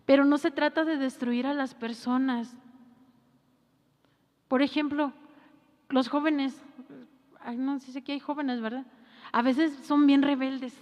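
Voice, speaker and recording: A woman pastor, preaching a lively sermon and acting out scolding voices. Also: sits high. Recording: reverberant hall, dull lo-fi sound.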